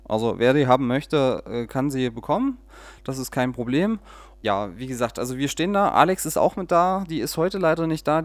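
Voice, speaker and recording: A man hosts a podcast, chatting casually with fillers before reading a story aloud. His voice sits at a middle pitch. The sound is dry and close to the mic. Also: no room sound. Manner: relaxed, with fillers. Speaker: podcast host.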